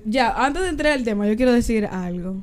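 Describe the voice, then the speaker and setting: A woman's voice: a little high, animated, a little fast. A young woman with a Dominican accent co-hosting a casual podcast, telling her story expressively and laughing through it. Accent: Dominican Spanish. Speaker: podcast co-host.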